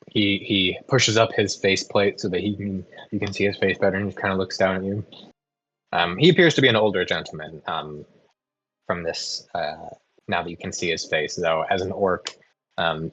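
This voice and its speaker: A man serving as dungeon master, explaining rules and narrating in a relaxed way with lots of ums and uhs. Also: deep voice, dull audio. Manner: relaxed, with frequent "um" and "uh". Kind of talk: running a tabletop game.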